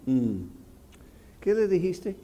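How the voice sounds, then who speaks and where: A preacher voicing the Holy Spirit, softly correcting. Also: male voice, high-pitched, big pitch swings, slow, voice pushed up, full character voice. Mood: gently correcting.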